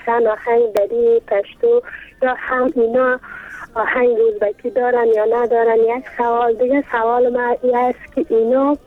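A woman calling in to a radio show and asking the guest quick, direct questions. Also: on the high side, no echo. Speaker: caller. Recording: tinny phone line.

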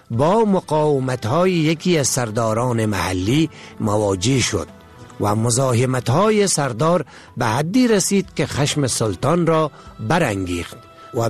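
A man giving a measured, formal scripted radio narration. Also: on the high side.

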